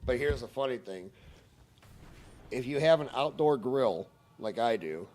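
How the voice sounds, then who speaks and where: A man's voice: medium pitch, animated, unhurried, darkish tone, slight background noise. A man telling a story on a stream in a casual, heated, profane ranting manner.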